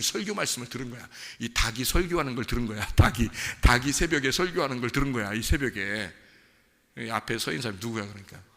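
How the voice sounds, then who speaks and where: A pastor giving an emotional dawn sermon, swinging from quiet murmurs to loud cries. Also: male voice, mid-range voice, gravelly, big-room sound.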